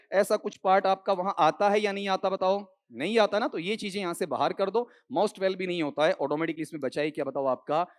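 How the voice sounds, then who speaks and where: A man runs a classroom lesson on English grammar for an exam. He keeps firing questions at his students, repeats the key words, and calls them "sahab" and "beta" as he talks. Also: high-pitched. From India. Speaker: English teacher. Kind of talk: exam-prep classroom lecture.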